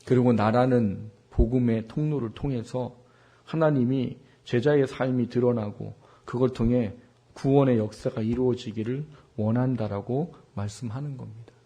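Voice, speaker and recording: A South Korean pastor in his forties preaches a Sunday sermon with personal anecdotes, his voice husky, worn, medium-pitched and dark, at a moderate pace. He puts rhetorical questions to the congregation and repeats words for emphasis.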